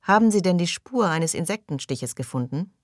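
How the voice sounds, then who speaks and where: A man's voice: fairly high pitch, expressive, normal speed, no echo, studio quality, pitched above the performer's own voice, lightly acted. A man reading an audiobook, voicing a suspicious, brooding male colonist who asks distrustful, probing questions.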